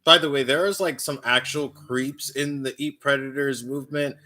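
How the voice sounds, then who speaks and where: A man's voice: medium pitch, steady tone, moderate pace, sharp tone. A man co-hosting a live stream, explaining his concerns earnestly, with hesitant restarts. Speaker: co-host.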